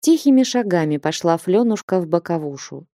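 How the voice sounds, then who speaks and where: Calm woman narrator, mellow dry voice. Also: fairly low pitch, fairly quick, dry recording. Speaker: audiobook narrator. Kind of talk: scripted literary narration.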